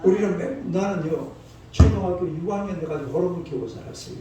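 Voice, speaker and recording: A man's voice: high voice, brisk, dark tone. An older man in his sixties, a pastor preaching a dawn sermon in a folksy, scolding way, prompting the congregation to answer back. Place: church sanctuary. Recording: echoey church hall, mic far off, faint noise.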